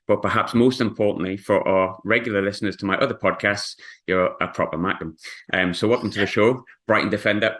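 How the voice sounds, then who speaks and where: A man hosts a conversational podcast interview. He speaks rapidly, in a slightly low-pitched voice, putting questions to his guest in an informal way. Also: a bit bright. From North East England. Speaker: podcast host.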